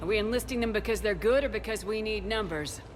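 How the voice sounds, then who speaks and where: A woman's voice: mid-range voice, fast talker, a little hiss or hum, natural voice. A woman playing a tough, direct military commander in a video game, with a terse, confident delivery. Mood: probing, skeptical.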